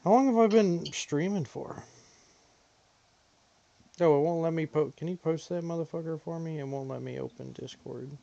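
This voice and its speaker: A man's voice: a little high, moderate pace, vocal fry, long pauses, warm tone, dry recording, lo-fi sound. A man streaming games, chatting casually with crude, teasing banter. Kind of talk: casual gaming stream chat.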